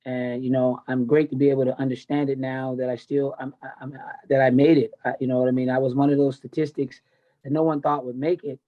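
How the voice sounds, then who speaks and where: As an interview guest on a podcast, a man in his fifties who coaches MMA recounts his life candidly and without a filter, bluntly stressing his points. He is American and grew up between Tennessee and California. His medium-pitched voice is level and brisk, and the recording is narrow and tinny.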